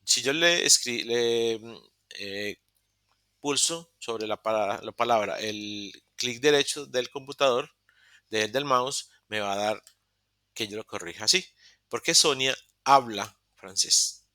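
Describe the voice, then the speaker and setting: Male language teacher, very bright and forward tone, dry close sound; patient, step-by-step explainer who self-corrects. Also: mid-range voice, takes it slowly, no echo. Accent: Latin American Spanish. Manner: self-correcting, restarts mid-word. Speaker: English teacher. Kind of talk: online beginner English class. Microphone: computer mic in a virtual session.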